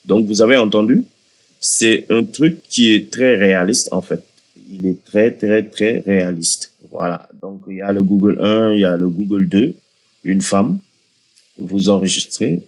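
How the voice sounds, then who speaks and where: A man with a fairly low voice hosts a casual software tutorial. He talks the viewer through each step and often hesitates and restarts mid-sentence. He sounds like he is on a desktop mic. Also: measured pace. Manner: hesitant, many fillers and restarts, addresses viewers directly. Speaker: tutorial host. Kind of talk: casual screen-recording tutorial.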